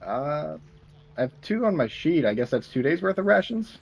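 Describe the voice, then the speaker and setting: Man, tabletop player, calm, even, slightly formal. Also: on the high side, normal speed, creaky. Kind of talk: casual tabletop play.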